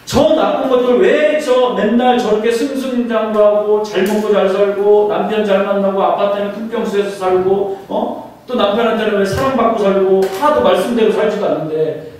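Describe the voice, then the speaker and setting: A man's voice: high-pitched, steady tone, normal speed, a little mellow, a little hiss or hum. A man preaching a sermon as pastor, often putting questions to the congregation. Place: church sanctuary. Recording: echoey church hall from far off.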